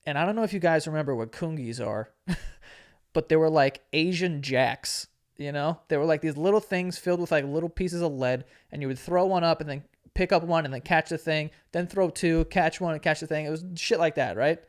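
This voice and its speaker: Twenty-something guy rambling a story, cusses a ton, kinda high voice, laughy. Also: a little fast. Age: 20s. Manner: laid-back, swears a lot, laughs often, acts out quotes. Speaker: podcast host. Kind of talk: casual storytelling chat.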